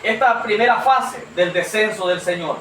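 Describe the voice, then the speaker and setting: A man preaches a sermon to a congregation in an earnest, questioning way, calling them brother. His voice is high-pitched and a bit bright, at a moderate pace. It is recorded from far off in an echoey room with slight background noise.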